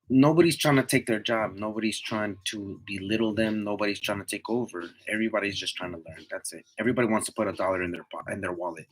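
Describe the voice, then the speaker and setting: Speaking in a fairly low, sharp voice over a low-quality recording, a twentysomething man livestreams to his viewers. He's a tree climber whose casual talk is slangy and motivational, and he says things twice to drive them home.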